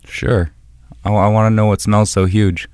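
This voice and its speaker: A man co-hosting a podcast in casual chat, delivering dry, deadpan remarks. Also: on the low side, moderate pace, clean tone, no room sound. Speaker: co-host.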